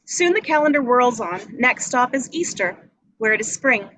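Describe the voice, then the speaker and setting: A woman at a table read reads screenplay action descriptions aloud as scripted narration. Her voice is on the high side, expressive and a bit bright at a normal speed, and the poor audio carries noticeable background noise.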